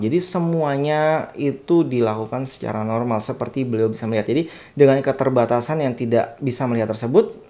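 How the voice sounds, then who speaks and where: A young man tells a personal story in a relaxed, conversational way. He sounds reflective and talks straight to his viewers, with a voice of ordinary, mid-range pitch. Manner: chatty, reflective, addresses viewers as "sob". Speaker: satellite dish installer and channel host. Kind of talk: casual storytelling vlog.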